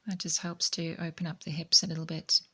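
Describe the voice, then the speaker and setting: A woman with a deep voice teaches meditation at a brisk pace. She is gentle, calming and soft-spoken, her phrases often trailing off into breathy near-whispers.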